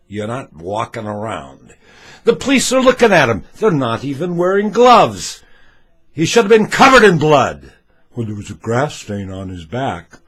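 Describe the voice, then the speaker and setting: An amateur video maker with a mid-range, slightly breathy voice records a homemade commentary, speaking emphatically while demonstrating things with props.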